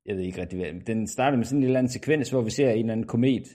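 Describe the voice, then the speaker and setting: A man's voice: medium pitch, mellow. A man from Denmark co-hosting a film podcast, recapping the plot with hesitant stops and starts. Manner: hesitant, many fillers and restarts. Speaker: podcast co-host.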